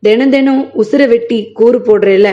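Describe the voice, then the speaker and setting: A woman's voice: fairly high pitch, normal speed, lightly acted. A woman reading as a grieving, reproachful wife. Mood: lamenting, reproachful. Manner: reproachful, lamenting. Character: sick, grieving village wife in middle age. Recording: muffled lo-fi recording.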